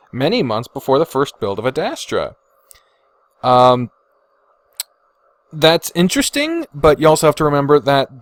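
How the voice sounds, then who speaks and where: Reading viewer comments aloud and reacting to them, a man hosts a podcast in an informal, freely profane chat. His mid-range voice is recorded in studio quality with no room sound.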